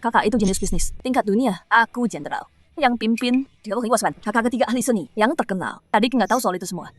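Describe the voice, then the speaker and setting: A woman voicing a proud older sister who talks briskly. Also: a little high, animated.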